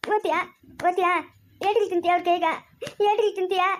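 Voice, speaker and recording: A woman playing an angry mother who scolds her young son, with a rural Chikkaballapur Kannada accent. She keeps repeating the same sharp questions. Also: very high-pitched, steady tone, fairly quick. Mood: angry scolding. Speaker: actor in a family drama. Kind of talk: amateur family drama acting.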